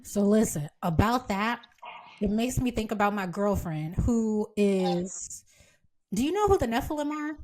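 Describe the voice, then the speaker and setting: A woman hosting a podcast in casual chat, expressive and quick to react to her guest. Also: medium pitch. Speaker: podcast host.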